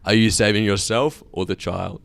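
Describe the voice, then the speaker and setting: A man's voice: fairly low pitch, steady tone, moderate pace, vocal fry, a bit bright. A man in his early twenties co-hosting a podcast, chatting casually and teasing his co-host in a playful way. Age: early 20s. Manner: teasing, playfully acts out quoted voices. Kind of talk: casual chat.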